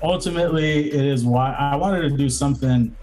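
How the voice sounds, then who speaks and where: A Southern California lawyer and entrepreneur talks as a guest in a relaxed interview, musing and wandering with lots of fillers and false starts. His voice is fairly high, fairly quick, and a bit mellow, and the recording is rough.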